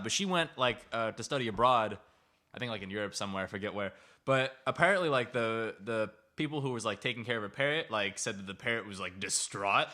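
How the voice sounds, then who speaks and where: Young male podcast co-host, bright and jokey, big swings in pitch. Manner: animated, jokey, slips into silly character voices. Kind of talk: casual comedy chat.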